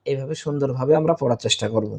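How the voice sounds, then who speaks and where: A man teaching Quran reading in Bengali, spelling out letters and vowel marks slowly and repeating syllables for students. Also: mid-range voice, darkish tone. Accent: Bangladeshi Bengali. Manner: slow, drawn-out spelling of letters and vowel marks, then recited Arabic words.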